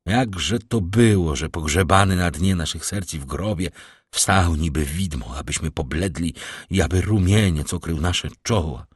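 A man's voice: low voice, a little slow, slightly rough, no room sound, studio quality. Man reading a grave, brooding prosecutor. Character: grave tormented male prosecutor, middle-aged, brooding. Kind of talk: audiobook character reading.

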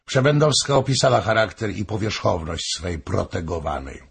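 A male audiobook narrator reading a historical novel in a measured storytelling tone. His voice is low, very husky and gravelly, and it moves slowly with lively rises and falls. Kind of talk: scripted narration.

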